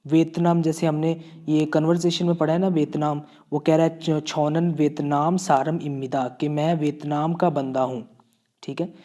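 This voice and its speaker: A man's voice: fairly high pitch, little pitch movement, moderate pace, warm tone. A man from Pakistan with a Pakistani Urdu accent teaching Korean vocabulary, patiently repeating each word and checking in often. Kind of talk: classroom-style vocabulary lesson.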